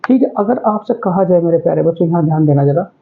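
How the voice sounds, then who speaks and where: A man's voice: fairly high pitch, lively intonation, fast talker, creaky. A male teacher giving an online exam-prep class, who asks students questions and repeats each answer. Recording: tinny phone-like audio.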